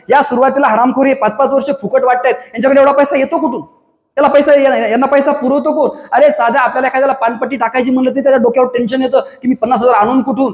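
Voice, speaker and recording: Man, impassioned monologue, very high and fast, echoey room with long reverb. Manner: fiery, ranting, many rhetorical questions. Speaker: coaching class owner giving advice.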